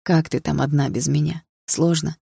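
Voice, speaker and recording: A woman doing a tender, gentle father. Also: sits low, steady tone, vocal fry, slightly rough, no room sound, studio quality, exaggerated voice. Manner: slow, soft, tender. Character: gentle young father, a pilot, seen in a dream.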